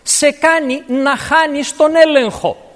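A man's voice: extremely high pitch, steady tone, a bit bright. A man preaching a sermon, explaining scripture word by word and verse by verse. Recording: long reverb of a large hall.

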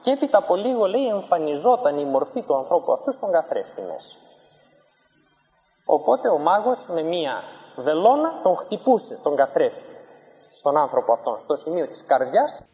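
A man's voice: fairly high pitch, sing-song, mellow. A man preaching a sermon to a congregation, telling a story and acting out the quoted lines with dramatic raised delivery. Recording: reverberant church hall.

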